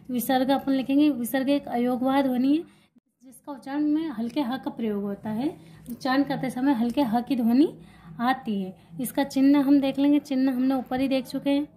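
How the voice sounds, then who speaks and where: Woman teacher going over grammar for exams, high but mellow voice, keeps repeating and quizzing. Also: a little hiss or hum. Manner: repeats key points and asks questions she then answers; explains while writing on a board. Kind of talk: exam-prep grammar lesson.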